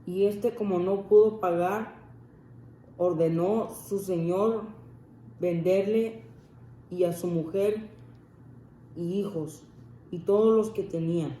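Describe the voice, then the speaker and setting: A student slowly reading Bible verses aloud in class, stumbling and restarting over words. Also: mid-range voice, fairly even intonation, warm tone. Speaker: scripture reader in class. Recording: echoey room with faint noise.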